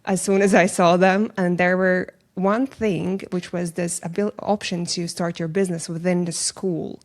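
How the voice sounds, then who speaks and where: A young woman from Latvia, speaking English with a Latvian accent, recounts her path as a founder in a casual interview. Her voice sits on the low side, and her delivery is earnest and reflective. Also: little pitch movement, moderate pace, darkish tone. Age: young adult. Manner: earnest, thoughtful, non-native phrasing. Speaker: podcast guest, founder.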